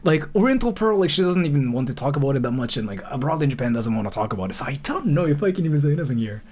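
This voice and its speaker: A man in his thirties livestreams casual chat and reactions in a voice that sits on the high side, with lively intonation and a darkish tone. He meanders, hesitates, revises what he's saying mid-thought, and peppers it all with filler.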